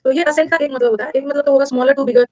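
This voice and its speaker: Here an Indian English teacher for competitive exams runs a chatty live online vocabulary class, talking fast and alternating Hindi and English. Her high-pitched voice is steady and a little mellow, captured dry with dull audio.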